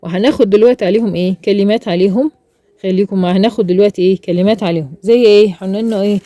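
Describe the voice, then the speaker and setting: A woman's voice: mid-range voice, racing, dark tone, dry recording. A woman with an Egyptian Arabic accent teaching a children's reading lesson, asking questions and answering them herself, stretching out sounds.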